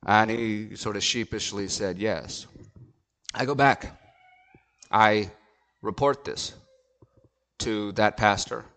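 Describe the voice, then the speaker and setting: A man's voice: fairly low pitch, steady tone, takes it slowly, pauses often, fairly bright tone. A man, a pastor, telling a story from the pulpit in an earnest, emphatic sermon.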